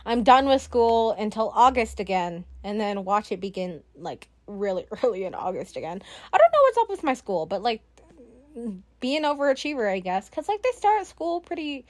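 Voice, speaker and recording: A woman's voice: a little high, very animated, normal speed. A teenage girl hosting her own podcast, rambling casually with lots of fillers, giggles and self-deprecating asides. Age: teens. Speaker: podcast host. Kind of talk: casual solo podcast chat.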